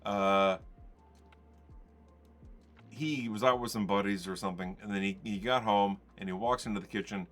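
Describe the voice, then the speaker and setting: Man, lowish voice, rambling storyteller who acts out quotes, faint music behind. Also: fairly even intonation, normal speed, long pauses, fairly bright tone. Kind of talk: casual podcast storytelling.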